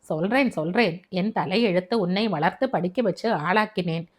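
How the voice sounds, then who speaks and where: A woman's voice: lowish voice, moderate pace, pitched below the performer's own voice, natural voice. A woman voicing a fussy elderly uncle who grumbles, scolds and pities himself, in a storybook reading. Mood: grumbling. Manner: scolding, exasperated.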